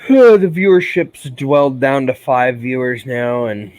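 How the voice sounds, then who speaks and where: A man's voice: mid-range voice, measured pace, no echo. A tired man hosting a casual livestream, chatting loosely with a regular viewer and sighing between thoughts. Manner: relaxed, rambling, sighs often. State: tired, yawning. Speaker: livestream host.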